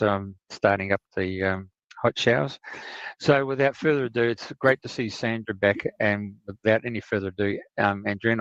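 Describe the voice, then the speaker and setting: Low-voiced man on a dull call. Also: no room sound. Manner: halting, many fillers. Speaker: co-host. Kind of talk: casual chat. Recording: dull dry lo-fi call audio.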